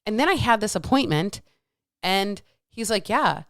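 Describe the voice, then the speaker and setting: A woman of about forty with a clear, smooth voice in a dry, close recording. She is wearing retainers, which slightly alters her speech. She talks like a candid podcast host, casual and emphatic, with swearing and repeated phrases. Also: mid-range voice, lively intonation, a little slow, no echo. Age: around 40. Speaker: podcast host, health coach. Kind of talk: casual solo monologue telling a story with lessons.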